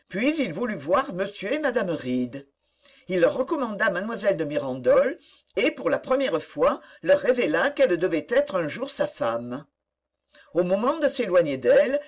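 An audiobook narrator tells a historical novel in a husky voice with lively, wide-ranging pitch. The reading is measured and expressive throughout.

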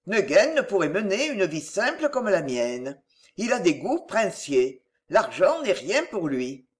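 A generous young gentleman from a storybook, speaking with unruffled tranquility, as a reader voices him. His tone stays even and gentle, with lively intonation. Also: medium pitch, a little slow. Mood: calm. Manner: calm, tranquil.

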